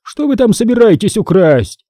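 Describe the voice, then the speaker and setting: A man voicing a grumpy old man who sells junk, with a creaky, scolding voice. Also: sits high, big pitch swings, very slow, mellow, no echo, studio quality, pitched above the performer's own voice, heavily acted. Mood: angry. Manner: angry, scolding.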